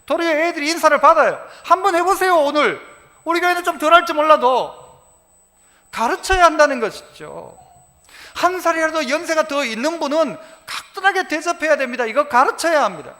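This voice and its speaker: A male pastor delivers an animated sermon, acting out little scenes of dialogue as he goes. His voice sits very high and bright, and it swings widely in pitch. The sound carries a long church-hall reverb. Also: fairly quick. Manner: animated preaching, acts out quoted dialogue. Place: church sanctuary.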